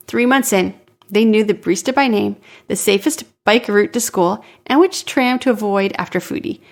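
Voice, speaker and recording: A woman with a mid-range voice tells a scripted advertising story. Her delivery is calm and gentle, with unhurried phrasing that lets each detail settle. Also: mid-range voice, creaky. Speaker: ad narrator.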